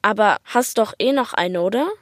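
A woman with an Austrian accent voicing a patient, practical mother who speaks calmly and firmly. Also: mid-range voice, normal speed, dry recording, clean studio sound, lightly acted. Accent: Austrian German. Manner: calm, firm, organizing.

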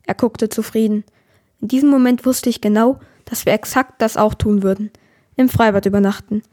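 A woman reading a children's novel aloud, giving lively voices to the dialogue. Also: medium pitch.

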